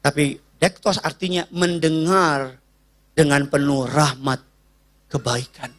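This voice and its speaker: Fervent high-voiced pastor. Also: male voice, steady tone, slow pace. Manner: fervent, swings from shouting to hushed; casual slang mixed with English phrases. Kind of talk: sermon.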